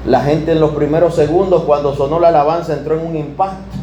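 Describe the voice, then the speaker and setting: A man preaching a sermon, telling stories with emphatic, drawn-out key words and shifting pace. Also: fairly high pitch, fairly even intonation, mellow, muffled recording. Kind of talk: sermon with storytelling. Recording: echoey room with air conditioning hum.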